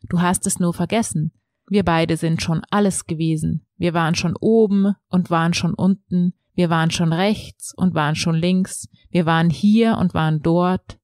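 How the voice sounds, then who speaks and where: A patient, friendly soul speaks softly and steadily, as the woman reading the story voices her. The voice sits low and plain. The sound is dry and close. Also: dry recording, lightly acted.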